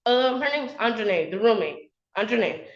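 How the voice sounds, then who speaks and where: A woman's voice: on the high side, lively intonation, unhurried. Upset young woman testifying in an echoey courtroom. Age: young adult. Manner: upset and defensive, many "like" fillers. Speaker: college student defending an eviction. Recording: echoey, dull courtroom audio.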